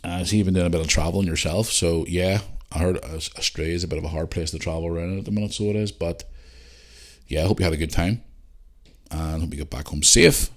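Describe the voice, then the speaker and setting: Low-pitched and steady, a Northern Irish man talks fast as he hosts a podcast. He chats informally and works through messages and questions sent in by listeners.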